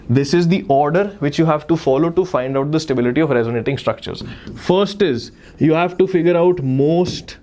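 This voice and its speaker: Male online tutor, North Indian accent, slightly high pitch, explains step by step with emphatic repetition. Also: warm tone. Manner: emphatic, repeats key phrases and questions; switches between English and Hindi. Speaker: chemistry teacher. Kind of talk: live online exam lesson, explaining step by step.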